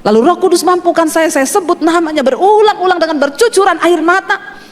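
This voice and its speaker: High-voiced woman preaching in a hall. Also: brisk. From Sulawesi, Indonesia. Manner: chatty storytelling, asks the congregation questions. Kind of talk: sermon. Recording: reverberant hall.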